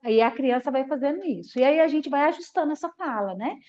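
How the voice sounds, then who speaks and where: High-voiced woman teaching in a live lecture. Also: expressive, dark tone, lo-fi sound. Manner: explanatory, checks in with frequent "né?" and "tá?"; slows to syllable-by-syllable demonstrations. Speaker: teacher educator.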